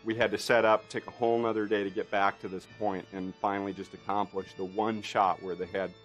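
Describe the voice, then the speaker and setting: Brief: lower-voiced man, effects artist, rambling interview storytelling, faint music underneath. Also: little pitch movement, a little fast, lo-fi sound. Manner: rambling, many fillers and restarts. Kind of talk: documentary interview anecdote.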